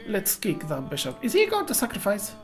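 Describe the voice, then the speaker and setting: A woman's voice: mid-range voice, wildly swooping pitch, brisk, soft background music. A woman streaming chess, greeting viewers by name and thinking aloud about her moves with hesitant restarts. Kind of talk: live-streamed chess commentary.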